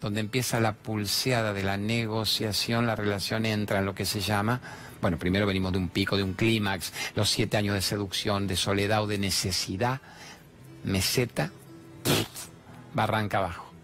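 A man with a Rioplatense Spanish accent giving a lively monologue on relationships. He fires off rhetorical questions and acts out the voices of the people he quotes. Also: fairly low pitch, normal speed. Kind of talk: stand-up style monologue on relationships.

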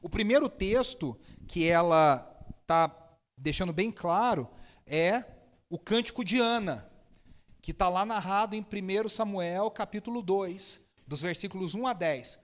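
A man preaching a sermon, telling stories lively and imitating people with sudden high shouts. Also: measured pace.

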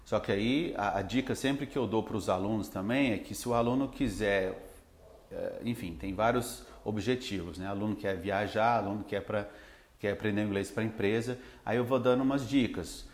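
A Brazilian man who teaches English, talking in a relaxed, rambling way with lots of fillers. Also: on the low side, normal speed, roomy sound. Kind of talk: casual podcast chat.

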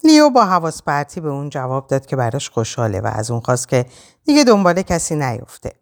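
Low-voiced woman reading an audiobook. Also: very animated. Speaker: audiobook narrator. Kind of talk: audiobook narration.

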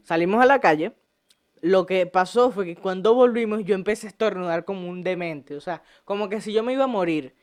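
A young Venezuelan man hosts a laid-back podcast from his home set, his voice sitting high and moving a little fast. He tells stories packed with swearing, jokes and frequent laughter.

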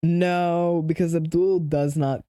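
A man's voice: a little high, little pitch movement, slow, warm tone, no room sound. A young man co-hosting a podcast in casual chat, blunt and crude as he tells stories. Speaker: podcast co-host.

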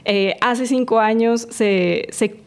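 A woman's voice: fairly high pitch, slow. Podcast guest: Colombian woman in her forties, talkative, easy laugh. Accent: Colombian Spanish. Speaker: guest, entrepreneur. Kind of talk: podcast interview.

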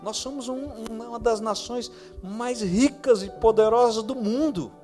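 A man's voice: very high-pitched, measured pace, darkish tone, soft background music. A Brazilian man in his forties preaching a sermon with a Brazilian Portuguese accent, telling stories and rising to fervent emphasis.

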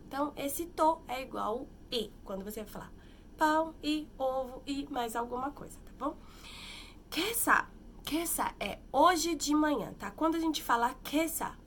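A woman teaching a casual language lesson, explaining patiently and slowing down to model each phrase. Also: high-pitched, fairly bright tone, slight background noise. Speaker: Japanese teacher. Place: lives in Japan.

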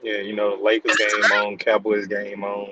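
A man's voice: on the low side, completely flat delivery, moderate pace, dull audio, heavy background noise. A man co-hosting a podcast in casual, slangy chat, his voice coming through a thin tin-can remote line. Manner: laid-back, slangy. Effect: thin tin-can sound over a remote line. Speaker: podcast co-host.

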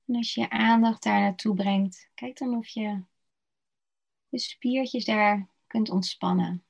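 A woman guiding a slow body-scan relaxation meditation in a soft, soothing voice with long pauses. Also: mid-range voice, fairly even intonation, creaky, husky. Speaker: meditation guide. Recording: dull lo-fi recording.

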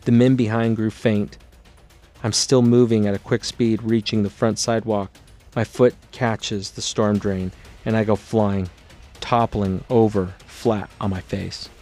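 A man narrating his own memoir as an audiobook in a steady, low-key storytelling delivery. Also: measured pace, soft background music.

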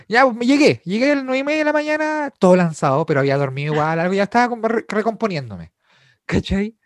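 Lively Chilean man telling stories. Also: high voice, fast talker, dry recording, clean studio sound. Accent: Chilean Spanish. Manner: animated, laughing storytelling with slang. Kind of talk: casual chat.

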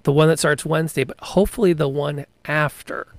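Gravelly-voiced man recapping a game. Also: a little high, fairly even intonation, brisk, no echo. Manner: enthusiastic storytelling with many restarts. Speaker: podcast co-host, game master. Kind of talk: casual chat about tabletop gaming.

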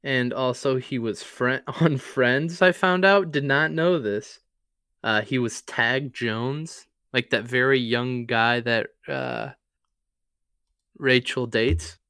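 Slow, smooth-voiced man co-hosting a podcast. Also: mid-range voice, no room sound, studio quality. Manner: relaxed, rambling, with fillers and swearing. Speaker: podcast co-host. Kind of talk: casual chat about movies.

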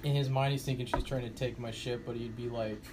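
A man's voice: medium pitch, fairly even intonation, fairly quick. A man describing his character's actions in a tabletop game, easygoing and dry. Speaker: player. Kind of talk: casual tabletop game chat. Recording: noisy background.

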